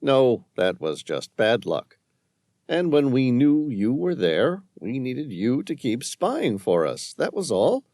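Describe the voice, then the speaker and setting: A man's voice: medium pitch, very animated, slow, a little mellow, dry recording, clean studio sound. A man voicing a cold, calculating male handler in an audiobook, speaking in a cool, clipped, businesslike way. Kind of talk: audiobook narration.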